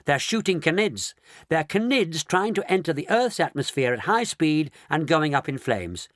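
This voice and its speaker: A man voicing an eccentric, excitable male chocolate maker, speaking in a theatrical, exclamatory way. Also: on the high side, moderate pace, no room sound, studio quality, pitched above the performer's own voice. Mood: explaining eagerly.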